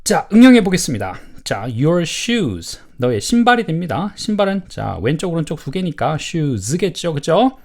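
A man teaching elementary English, explaining in lively bursts and reading model sentences slowly for repetition. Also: a little high, vocal fry.

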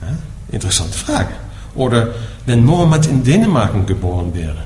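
In an echoey room with faint background noise, a Dutch-accented man gives a dharma talk in German to a group. His mid-range voice is mellow and very animated, at a moderate pace, and he explains patiently, checking in with "ja?" after almost every point.

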